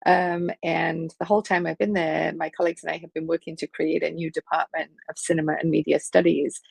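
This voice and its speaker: A middle-aged woman with a Liverpool accent speaks as a guest professor in an interview. Her voice is heavily gravelly and a little husky, a touch low for a woman. She thinks aloud, with many pauses and ums, in a dry, close recording. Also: little pitch movement, darkish tone, no echo. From England. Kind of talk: conversational interview.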